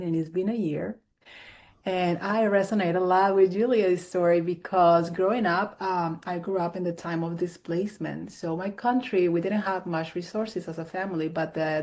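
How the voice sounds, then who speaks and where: A woman's voice: on the low side, a little mellow. A woman from Colombia sharing a personal story as a guest on a video call, speaking earnestly and fluently. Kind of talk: personal sharing on a live show.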